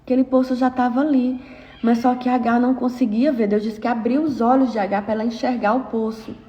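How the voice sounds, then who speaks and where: Expressive Brazilian woman retelling a Bible story. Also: fairly high pitch, fairly quick. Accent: Brazilian Portuguese. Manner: emotive storytelling, acts out dialogue. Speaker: lent diary speaker. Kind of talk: devotional Bible reflection. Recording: reverberant, muffled audio.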